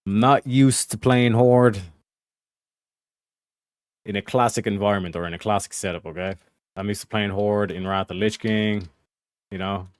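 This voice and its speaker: A man streams a game, chatting casually with his viewers, joking, and swearing a lot as he plays and talks to chat. His fairly low voice has fairly even intonation and a clean tone at normal speed with frequent pauses, in clean studio sound without echo.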